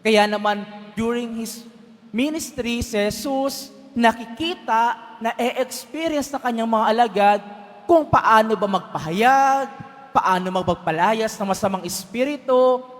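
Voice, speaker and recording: Priest preaching a homily, guy with a really high voice, big church echo, tells stories and asks the crowd to answer. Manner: storytelling, asks the congregation to answer. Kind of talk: homily at Mass. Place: large church. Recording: long church reverb.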